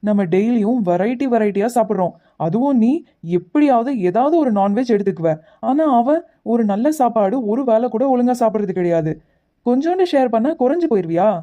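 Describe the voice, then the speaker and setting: Woman doing a kind puppet schoolboy, calm, really mellow voice. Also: on the high side, a little fast, highs cut off, natural voice. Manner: patient, gently preaching. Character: kind gentle schoolboy Mike who shares. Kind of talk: kids puppet show acting.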